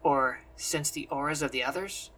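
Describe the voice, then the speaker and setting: A man's voice: on the high side, normal speed, pushed and bright, slight background noise, low-quality recording. A man voicing a curious young wielder of ether who asks probing questions in an audiobook.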